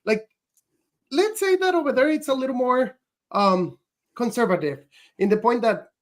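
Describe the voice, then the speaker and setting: A man's voice: very high voice, expressive, normal speed. A man from northern Mexico, a guest in casual chat, rambling with many "like"s. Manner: rambling, heavy use of "like".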